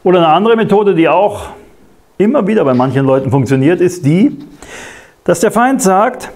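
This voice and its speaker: A man preaching a sermon, talking straight to the listener and checking in with quick tag questions. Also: high voice, big pitch swings, a little mellow.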